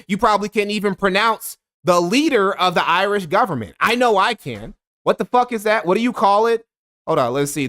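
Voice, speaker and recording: A man's voice: fairly high pitch, bright, forceful tone. Blunt, mocking male streamer. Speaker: streamer reacting to a video. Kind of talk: casual live-stream commentary.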